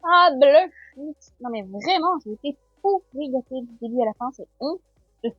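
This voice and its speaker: A woman's voice: fairly high pitch, expressive, normal speed, slightly rough, no room sound, dull audio, soft background music. A woman with a French accent in a casual home vlog, chatting as she unboxes gifts. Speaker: vlogger.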